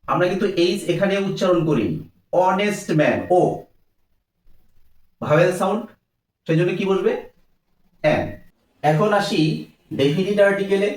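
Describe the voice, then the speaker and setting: A man's voice: high voice, lively intonation, moderate pace, pauses often, darkish tone, roomy sound, far from the mic. A man teaching a grammar lesson, asking questions and answering them himself.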